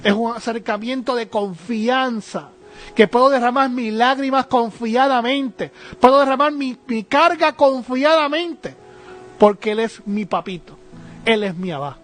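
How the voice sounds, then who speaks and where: High-voiced earnest male Bible teacher. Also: a little slow, fairly bright tone, soft background music. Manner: earnest, with frequent hesitant fillers and repeated "right?".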